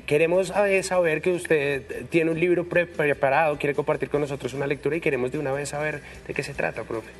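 A man's voice: a little high, fairly even intonation, fairly quick, hardly any pauses. A man hosting an educational radio show, upbeat and friendly. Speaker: radio host.

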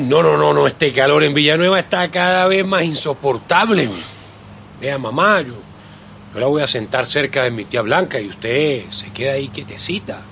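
A man's voice: a little high, gravelly, fairly bright tone, slight background noise. An actor playing a grieving young man who has lost his best friend, speaking emotionally. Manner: emotional, pleading. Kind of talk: dramatic acting.

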